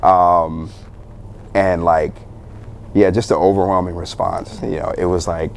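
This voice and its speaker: A young man, a guest on a talk show, telling his story in a loose, animated way, with many fillers and bursts of laughter. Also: low-pitched, unhurried, creaky, a little hiss or hum. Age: young adult. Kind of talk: casual storytelling interview.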